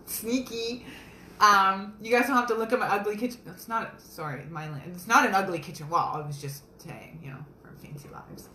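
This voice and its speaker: Bright-voiced woman chatting to viewers. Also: mid-range voice, moderate pace, echoey room, a little hiss or hum. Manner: chatty, rambling, earnest and upbeat. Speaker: self-published romance author. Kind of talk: casual live video chat to viewers. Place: home kitchen.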